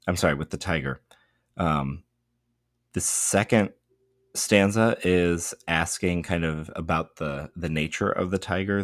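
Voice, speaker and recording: A man teaching English, explaining a poem in a thoughtful, unhurried way with frequent fillers and restarts. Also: low voice, no room sound, clean studio sound. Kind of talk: spoken poetry lesson.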